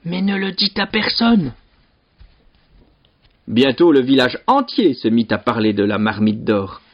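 A man reading a fairy tale aloud as a storyteller, slow and expressive. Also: medium pitch. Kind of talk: scripted storybook narration. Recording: dull lo-fi broadcast recording.

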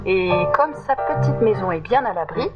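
A woman reading a children's story aloud in a gentle, unhurried way. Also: medium pitch, lively intonation, lo-fi sound, loud music behind the voice.

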